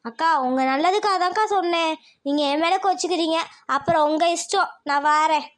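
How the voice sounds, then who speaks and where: A woman voicing a halting, gossiping neighbour. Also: very high-pitched, no room sound, studio quality. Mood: hesitant. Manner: hesitant, halting, insistent.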